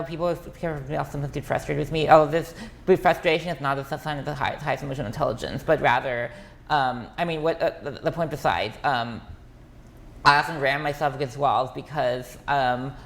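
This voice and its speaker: A man speaking as a guest in a relaxed podcast conversation. His words come out quickly and in bursts. He restarts his phrases, drops them halfway and fills gaps with "um" and "like.". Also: on the high side, creaky. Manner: rapid, halting, many restarts and fillers. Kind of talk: casual conversation.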